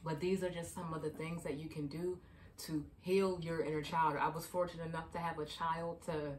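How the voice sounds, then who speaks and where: Low-pitched and flat, this young woman from Baltimore talks fairly quickly, recorded on a distant mic with a little hiss or hum. She's a life coach telling stories about healing your inner child in a casual advice vlog, chatty and often saying "you know what I mean."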